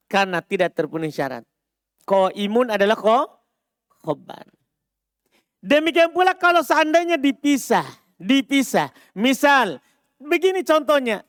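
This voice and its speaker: A man teaching an Arabic grammar lesson, repeating key points, slowing to spell out example phrases and often checking whether his listeners have understood. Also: very high voice, fairly bright tone, clean tone, dry recording, studio quality.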